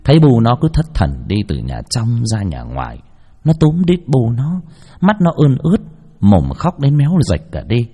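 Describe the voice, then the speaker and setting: Husky storyteller. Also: male voice, mid-range voice, normal speed. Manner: vivid, swings between hushed and lively. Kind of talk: dramatic ghost-story narration. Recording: narration over soft background music.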